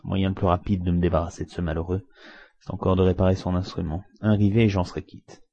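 A man voicing a middle-aged village blacksmith who talks briskly and impatiently. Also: deep voice, level tone, dark tone. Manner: brisk, exclaiming. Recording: muffled lo-fi recording.

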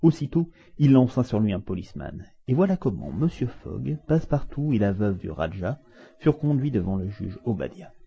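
Brief: male audiobook narrator, animated and husky, on a dull lo-fi recording. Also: on the low side, moderate pace. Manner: expressive, dramatic reading. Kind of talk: storybook narration.

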